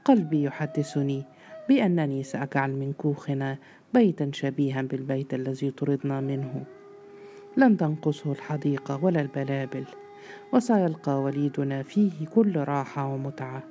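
A man voicing a gentle young wife who speaks tenderly and pleadingly, in a storybook reading. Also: mid-range voice, moderate pace, a little hiss or hum, close to an everyday voice. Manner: tender, soft.

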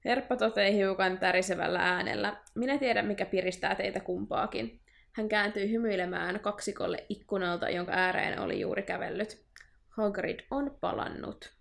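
A young woman co-hosting a casual podcast, recapping a book chapter with animated, laughing, exaggerated despair. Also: medium pitch, vocal fry. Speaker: podcast co-host.

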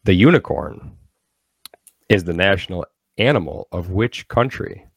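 A man co-hosting a podcast, reading trivia questions out slowly and steadily. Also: sits low, expressive, creaky, breathy edge, no room sound, studio quality. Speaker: podcast co-host running trivia. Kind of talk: casual chat, quiz hosting.

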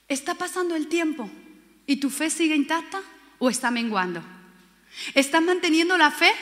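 A woman's voice: high voice, a bit bright. A woman from Spain preaching a sermon with passion, repeating key words and acting out quoted voices. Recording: long hall reverb.

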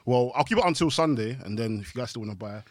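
Quick London roadman co-host, dry close sound. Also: mid-range voice, animated, dry recording. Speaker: podcast co-host. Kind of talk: casual podcast banter.

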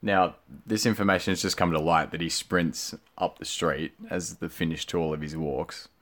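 Young male podcast co-host, deep voice, casual banter, recorded inside a closet. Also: steady tone, moderate pace, a bit bright.

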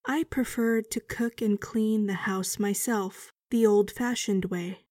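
A woman playing a weary middle-aged suburban wife, narrating her story in a measured, wry way for an audio drama. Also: mid-range voice, fairly even intonation, darkish tone, no room sound, clean studio sound. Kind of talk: first-person scripted audio drama narration.

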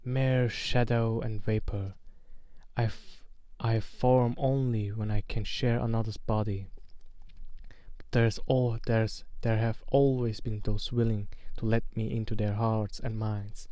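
A man reading aloud and voicing an evil, disembodied male dark wizard who hisses in a slow, soft, menacing whisper. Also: lowish voice, level tone, no room sound. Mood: cold. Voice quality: hissing, whispery.

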